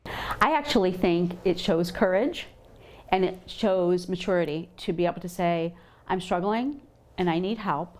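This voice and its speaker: Low-pitched woman counselor in interview. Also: measured pace. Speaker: university mental health counselor. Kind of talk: interview answer.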